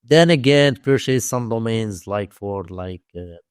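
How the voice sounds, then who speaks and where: This Moroccan-accented man speaks in a fairly low, expressive, clean voice with no echo. As a domain investing teacher being interviewed in a dry setting, he tells stories in hesitant, repetitive non-native English.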